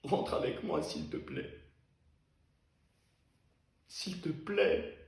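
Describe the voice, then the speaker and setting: A desperate young man in a theatrical monologue, with a high voice. He pleads loudly, then drops to near-whispers. The sound rings with echo. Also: expressive, normal speed. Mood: hushed. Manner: swings from loud pleading to hushed whispers. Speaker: stage actor. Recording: echoey stage sound.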